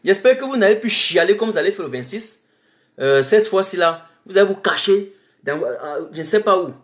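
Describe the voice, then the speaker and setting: A man's voice: high voice, animated, normal speed. A man from Cameroon, giving an emphatic, repetitive live-streamed political monologue full of rhetorical questions.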